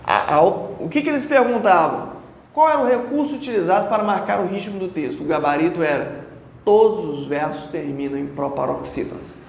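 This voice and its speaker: A man with a Brazilian Portuguese accent giving an exam-prep lesson, chatty and lively, often asking the viewer questions. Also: high voice, a little fast, vocal fry. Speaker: Portuguese teacher. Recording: echoey room with faint noise.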